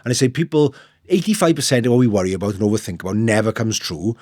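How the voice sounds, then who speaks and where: Fast-talking middle-aged South Wales man. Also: lowish voice, lively intonation, a little mellow, no room sound, clean studio sound. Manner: earnest, repeats phrases, quotes conversations. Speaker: interview guest, motivational speaker. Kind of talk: candid personal storytelling in an interview.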